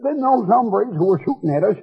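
An actor playing a folksy, excitable cowboy sidekick with an American accent in an old western drama. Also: male voice, sits high, fairly quick, gravelly, slightly rough, full character voice. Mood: surprised. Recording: muffled vintage western soundtrack.

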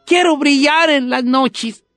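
A woman's voice: high-pitched, animated, unhurried, a bit bright, no echo, faint music behind, voice pushed up, heavily acted. A woman voicing a small, frightened male Christmas tree that begs and cries out in pain. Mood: pleading. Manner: whimpering, begging, cries out in pain.

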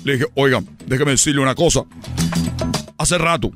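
A man's voice: mid-range voice, normal speed, music in the background. A man hosting a comedy radio sketch, telling a rambling story and laughing at his own jokes. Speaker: comedy host.

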